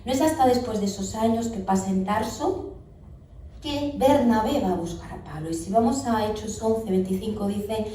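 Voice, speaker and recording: A woman's voice: mid-range voice, normal speed, dark tone, slight background noise. A woman with a Spanish accent preaching a sermon to her congregation. She stresses key words emphatically and asks the listeners direct questions. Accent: Spanish (Spain). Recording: echoey church hall, speaker far from mic.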